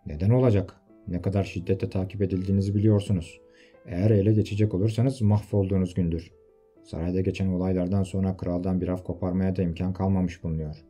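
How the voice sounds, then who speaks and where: A man's voice: deep voice, little pitch movement, fast, warm tone, faint music behind. A man doing an earnest noble marshal. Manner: earnest, concerned.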